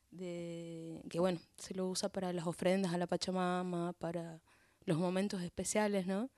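An Argentine woman, a folk singer guest on radio, explaining a song tradition in a hesitant way, often pausing to search for words. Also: fairly low pitch, no room sound, clean studio sound.

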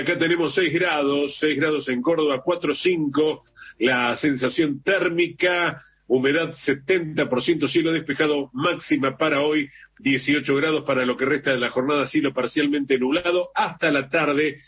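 A man with an Argentine accent hosting a morning radio news show, chatty and relaxed, often repeating and correcting himself. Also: a little high. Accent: Argentine Spanish. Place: radio studio. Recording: slightly muffled radio broadcast with faint hiss.

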